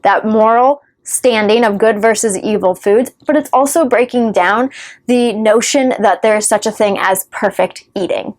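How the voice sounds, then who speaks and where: A woman giving earnest, reassuring advice straight to camera as a recovery vlogger, with the odd wry joke. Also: fairly high pitch. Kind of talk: encouraging direct-to-camera advice.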